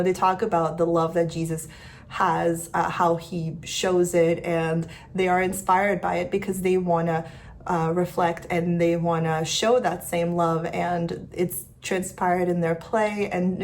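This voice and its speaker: A young woman from Canada speaks to her viewers in a casual, reflective vlog, her voice sitting a little low. She searches for words, filling gaps with soft ums. A faint room ambience hangs under her voice. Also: a little hiss or hum. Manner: thoughtful, many ums and pauses. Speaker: homeschooling mom vlogger.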